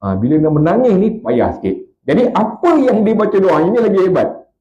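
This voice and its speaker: Malaysian male preacher, high mellow voice, emotive storyteller, roomy lo-fi hall recording. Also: sing-song, fairly quick. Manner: emotive storytelling with rhetorical questions to the congregation. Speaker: religious teacher. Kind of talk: evening mosque lecture. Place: prayer hall. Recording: echoey, dull lo-fi hall recording.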